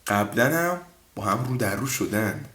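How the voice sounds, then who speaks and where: A man's voice: lowish voice, big pitch swings, roomy sound, very noisy. A man hosting a reaction video with joking commentary and mock-serious explanations. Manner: joking, mock-lecturing asides. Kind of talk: casual comic commentary.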